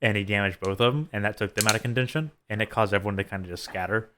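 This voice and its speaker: A man working as a race engineer, chatting through a post-race debrief in a halting, think-aloud way. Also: fairly low pitch, steady tone, noisy background.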